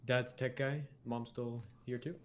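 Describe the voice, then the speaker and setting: A man's voice: mid-range voice, flat delivery, measured pace. A man from Colombia hosting a podcast, asking blunt, direct personal questions in casual conversation. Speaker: podcast host. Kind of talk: casual interview.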